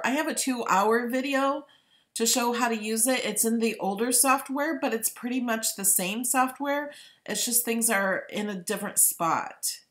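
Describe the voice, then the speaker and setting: Woman livestreamer just chatting away, informal, thinking out loud, mid pitched voice. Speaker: live-stream host. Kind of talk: casual live-stream chat, replying to viewer comments.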